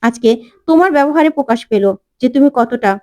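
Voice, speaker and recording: A woman voicing a calm, dignified young bride who speaks in a measured, pointed way. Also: high voice, lightly acted.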